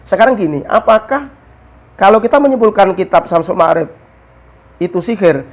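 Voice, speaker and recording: A man who is a religious teacher explains a story in casual talk, quoting Arabic texts along the way. His voice sits high and moves at a moderate pace, and his animated storytelling mixes the Arabic quotes with explanation.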